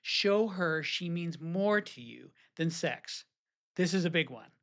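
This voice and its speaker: A man's voice: fairly high pitch, expressive, slow, a bit bright. A man who works as a marriage therapist, giving scripted advice to husbands in an earnest, coaching way and acting out sample phrases. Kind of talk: scripted advice talk to men.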